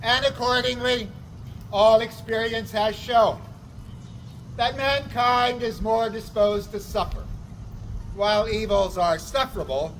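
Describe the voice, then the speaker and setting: A man takes on the role of a town crier making a solemn public proclamation. His voice is pitched very high and carries each short phrase with deliberate, declamatory weight. It is recorded outdoors with faint traffic noise behind. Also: a bit bright, low-quality recording.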